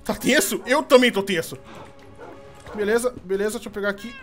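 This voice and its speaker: A Brazilian man hosting a gaming video, his voice pitched very high for a man. He talks fast and excitably, firing off repeated words over a headset in online voice chat. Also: soft background music. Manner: excitable, repeats words rapidly, frequent laughter. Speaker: gaming channel host. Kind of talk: excited gameplay chat with friends.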